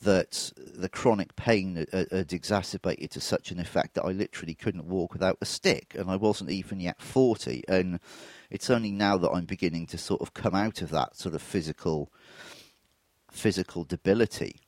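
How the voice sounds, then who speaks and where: With a touch of flu roughening his throat, a fortyish man hosts his podcast solo in a low-pitched voice at a moderate pace, no room sound audible. He's candid, thoughtful and self-deprecating.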